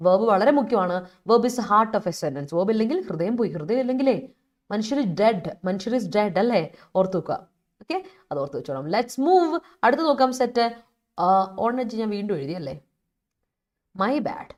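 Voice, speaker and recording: A woman with a Malayali accent teaching English vocabulary in a live online class, calling students by name and reminding them often. She talks fast, then slows right down to read out each English example. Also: medium pitch, very animated, a little mellow. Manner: switches fast between Malayalam and slow, deliberate English examples. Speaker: English teacher for exam aspirants.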